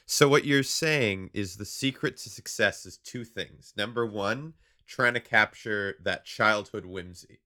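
Bright-voiced man hosting with deadpan jokes. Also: lowish voice, measured pace, few pauses. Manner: deadpan joking. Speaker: podcast host. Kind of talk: casual comedic chat.

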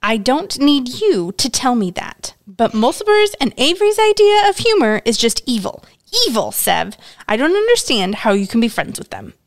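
A man's voice: very high voice, big pitch swings, normal speed, pitched above the performer's own voice, full character voice. A man reading aloud and voicing a fierce, principled teenage schoolgirl who questions sharply and with exasperation. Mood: indignant. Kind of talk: read-aloud character voice.

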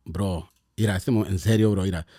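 Hombre emotivo, mezcla español e inglés. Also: male voice, low-pitched, steady tone, moderate pace, dark tone. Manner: mixes Spanish and English slang, emotional storytelling. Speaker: guest telling his conversion story. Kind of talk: casual testimony chat.

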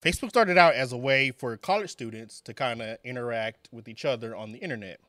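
A man's voice: mid-range voice, fairly quick, pushed and bright, no echo, clean studio sound. A man co-hosting a podcast in casual chat, often repeating words as he makes his point. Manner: stammering, repeats words when making a point. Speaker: podcast co-host.

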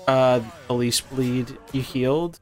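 A man's voice: medium pitch, fairly even intonation, takes it slowly. A man hosting a gaming podcast, chatting casually and explaining plays analytically as he comments on a match. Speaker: podcast host playing a card game. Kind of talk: casual gameplay chat and commentary.

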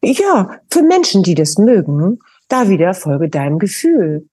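Husky, warm-voiced middle-aged woman. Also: mid-range voice, sing-song, unhurried, dry recording. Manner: emphatic, coaxing advice with direct address. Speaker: naturopath guest. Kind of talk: podcast interview.

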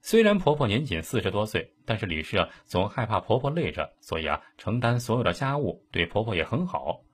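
Lively storytelling man. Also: lowish voice, brisk, breathy edge. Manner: lively, colloquial, dramatic asides. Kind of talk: casual storytelling.

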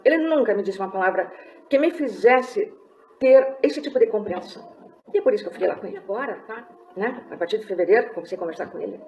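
A woman's voice: high voice, darkish tone, a little hiss or hum. A middle-aged woman hosting a live stream, giving a confessional personal testimony and often checking in with her viewers. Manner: confessional, talks straight to viewers with tag questions.

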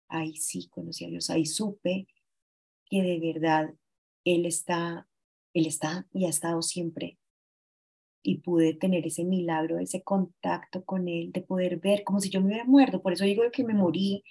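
A woman in her forties, a guest telling a painful personal story in an earnest, halting way, often restarting her sentences. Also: lowish voice, vocal fry, a little mellow, husky. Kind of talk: emotional personal account.

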